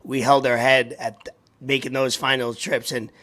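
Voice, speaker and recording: A man in his thirties with a raspy, hoarse voice, hosting a sports podcast in a halting, informal chat. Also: mid-range voice, little pitch movement, pushed and bright. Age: 30s. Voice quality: raspy, worn voice. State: hoarse from partying.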